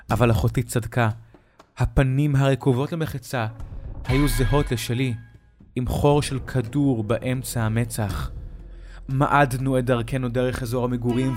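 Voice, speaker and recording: A man narrating a horror story, dramatic and slowing down at the frightening moments. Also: medium pitch, a little mellow. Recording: narration over music.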